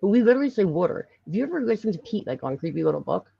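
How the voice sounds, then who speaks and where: A woman with a Philadelphia accent, hosting a casual live-stream chat, talkative and quick to laugh. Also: mid-range voice, gravelly, husky, no room sound, muffled recording. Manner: chatty, lively, laughs often, many fillers. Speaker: podcast host.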